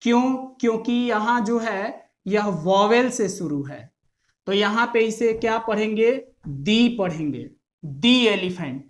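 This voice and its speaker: Slow, patient male English teacher. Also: high-pitched, animated. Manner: patient, repeats each point and asks the class questions. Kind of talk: classroom-style pronunciation lesson.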